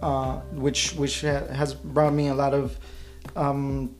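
A man's voice: medium pitch, monotone, takes it slowly, a little mellow, faint music behind. A man from Mexico with a Mexican accent, a friendly interview guest who thinks aloud, with frequent ums and restarts. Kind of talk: casual interview.

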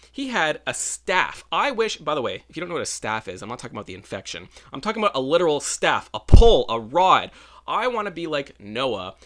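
A man's voice: on the high side, fairly bright tone. A man talking in a casual, rambling monologue, often correcting himself and adding wry asides. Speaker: vlogger.

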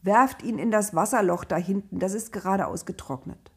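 A woman voicing the eldest brother in a Bible story reading, firm and appealing to reason with a husky voice. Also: medium pitch, moderate pace. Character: eldest brother, calm male peacemaker. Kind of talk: storybook narration.

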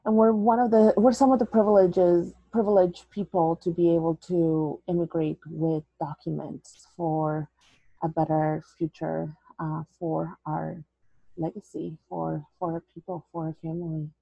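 A woman's voice: lowish voice, flat delivery, unhurried, creaky, breathy edge, dry recording, lo-fi sound. A woman, a guest telling her story earnestly in an interview, dropping in words. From El Salvador. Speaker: guest, educator. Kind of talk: interview conversation.

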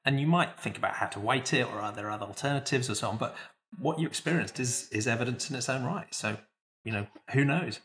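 A man hosting an interview, reflecting on a guest's story in a calm, explanatory way. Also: medium pitch, fast talker. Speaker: podcast host. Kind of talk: interview conversation.

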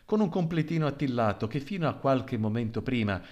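A man narrating a comic story in an expressive, wry manner. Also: medium pitch, a little fast, highs cut off.

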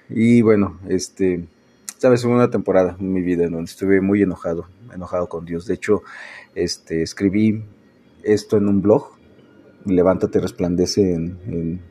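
A man's voice: sits low, dark tone. A man, a preacher telling a personal story in a loose, conversational way with many fillers and restarts. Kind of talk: personal testimony talk.

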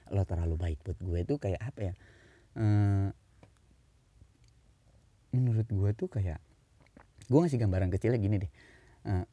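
Young man, casual monologue, very dark mellow voice, dry close sound. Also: breathy edge, dry recording. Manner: slangy, animated, swings into high mock-pleading.

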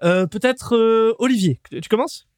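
High-voiced joking French podcast host. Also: male voice, moderate pace, darkish tone, no echo, studio quality. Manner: jokey, leads the show, announces topics. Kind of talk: casual chat.

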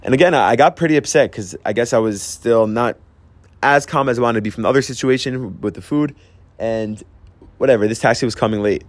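A man's voice: medium pitch, brisk, no echo. A young man talking earnestly about handling emotions, telling personal stories with frequent restarts. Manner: earnest, storytelling, with restarts and "I'm like". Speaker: host sharing personal advice. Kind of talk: reflective personal talk.

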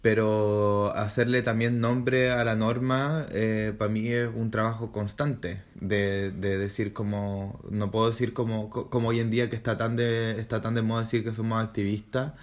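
A young drag performer with a Chilean accent, talking in a relaxed podcast interview and often pausing to search for words. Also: male voice, lowish voice. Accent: Chilean Spanish. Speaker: drag artist guest.

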